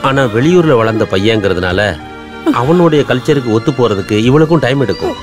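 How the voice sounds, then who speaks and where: An actor playing a calm, kindly wealthy father. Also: medium pitch, a little fast, music in the background, lightly acted. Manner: calm, reassuring. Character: wealthy, gentle older uncle and father. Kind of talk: film drama dialogue.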